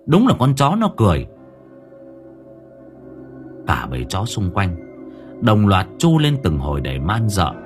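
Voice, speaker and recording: A man's voice: lowish voice, wildly swooping pitch, unhurried, long pauses, faint music behind. A man narrating a ghost story in a dramatic storytelling manner. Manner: dramatic, swings in tone. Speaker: audiobook narrator.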